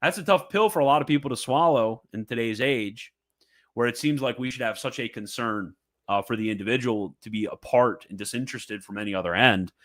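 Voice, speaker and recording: A man's voice: mid-range voice, brisk, fairly bright tone. Fervent man in emphatic commentary. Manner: mocking asides. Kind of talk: animated commentary reading and reacting to a papal text.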